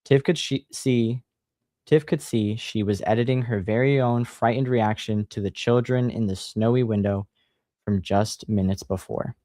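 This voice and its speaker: A man hosting a livestream, chatting casually and reading a horror book aloud in a relaxed, sighing manner. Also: fairly low pitch, moderate pace, no room sound, studio quality. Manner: relaxed, sighing, laid-back.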